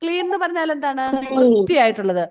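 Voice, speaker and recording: Slow-coaxing Malayali woman teaching little kids. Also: high-pitched, fairly bright tone, dull audio. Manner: slow, drawn-out English, then quick switches into Malayalam explanations; coaxing, calls children by name. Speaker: kindergarten English teacher. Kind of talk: online class for young children.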